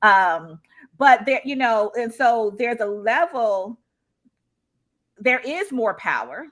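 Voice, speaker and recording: A woman's voice: on the high side, very animated, slow pace, a bit bright. A woman speaking as a guest in a live discussion, conversational and emphatic, often checking in as she shares her experience. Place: live online video call.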